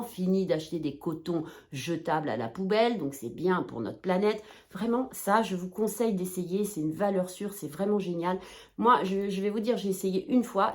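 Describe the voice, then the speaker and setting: Bubbly, rambling woman vlogger. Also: mid-range voice. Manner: bubbly, rambling, excitable with playful exclamations; talks straight to viewers, chatty and informal. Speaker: shopping haul vlogger. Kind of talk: casual haul video chat.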